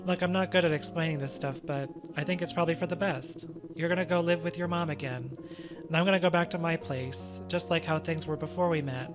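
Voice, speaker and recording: A tough but tender monster man, as a player reads him speaks in a casual, slangy way, quiet and sincere. Game music plays steadily underneath the voice. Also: medium pitch, fairly even intonation, brisk, natural voice. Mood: gentle, wistful. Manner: casual, slangy, soft-spoken when sentimental. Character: gruff, tender monster man, big-hearted tough guy.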